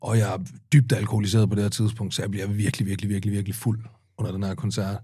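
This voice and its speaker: A man's voice: lowish voice, little pitch movement, warm tone, slightly rough, no room sound, clean studio sound. A man in his forties, a podcast guest, telling a rambling anecdote casually, swearing often and full of fillers. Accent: Danish. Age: 40s. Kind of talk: casual storytelling.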